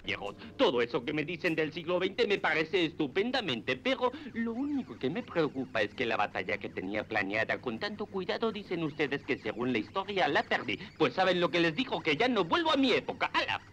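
A man's voice: on the high side, very animated, brisk, hardly any pauses, fairly bright tone. A man voicing a blustering, indignant little emperor in a seventies cartoon. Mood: stubborn. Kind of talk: 1970s cartoon voice acting.

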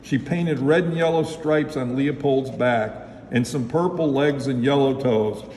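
A man's voice: mid-range voice, measured pace. Man reading a picture book in a hall. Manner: lively, expressive storytelling. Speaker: storybook reader, local official. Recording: echoey hall, faint noise.

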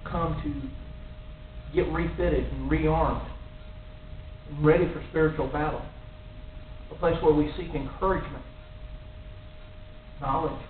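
Slow and steady in tone, with frequent pauses, a middle-aged man whose voice is on the high side preaches as a lay preacher, building to emphatic warnings. He stands in front of a cross in a small church room, close to a stand mic. The sound is tinny, echoey, far away, and faintly hissy.

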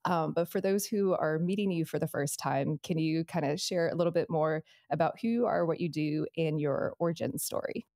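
A woman's voice: low-pitched, normal speed, hardly any pauses, mellow, dry recording, clean studio sound. A woman hosting a podcast, reading an intro and then chatting eagerly with her guest. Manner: enthusiastic, many fillers in chat. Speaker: podcast host. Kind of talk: scripted intro then casual chat.

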